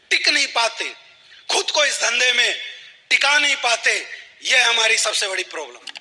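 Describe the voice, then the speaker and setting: High bright-voiced male motivational speaker. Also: big-room sound. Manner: storytelling, asks the audience rhetorical questions. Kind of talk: motivational storytelling talk.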